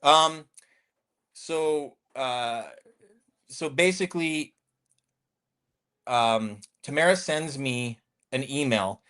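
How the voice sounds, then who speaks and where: A man's voice: mid-range voice, extremely slow, long pauses, fairly bright tone, clear, resonant tone. A man in his fifties, a former convoy accountant, telling his story in a casual interview, rambling with many restarts and fillers.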